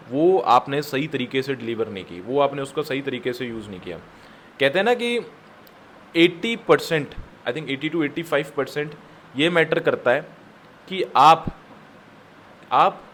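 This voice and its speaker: A man's voice: mid-range voice, a bit bright, a little hiss or hum. A man giving a motivational business talk, emphatic, repeating his key lines and mixing in English words. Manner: addresses viewers as guys. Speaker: network marketing business coach.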